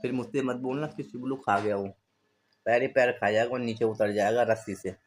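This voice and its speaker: A man's voice: medium pitch, steady tone, brisk. A man is casually vlogging at home. He is chatting playfully and chuckling with his toddler. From Uttarakhand, India. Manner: playful, chuckling, sing-song teasing with a small child. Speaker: family vlogger. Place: family home, indoors. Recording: noisy home phone recording.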